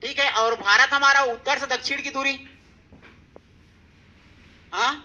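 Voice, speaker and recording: A man's voice: very high voice, fairly even intonation, measured pace, pushed and bright, muffled recording. A male teacher giving an exam-prep classroom lecture. He repeats key points and keeps asking his students questions, checking with "theek hai".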